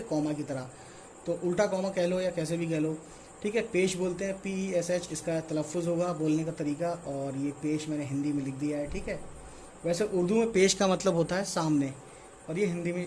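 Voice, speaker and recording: High-voiced man teaching letters slowly. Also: a little mellow, a little hiss or hum. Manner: repeats "theek hai" after each point, slow spelled-out letters. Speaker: Urdu teacher. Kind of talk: casual online lesson.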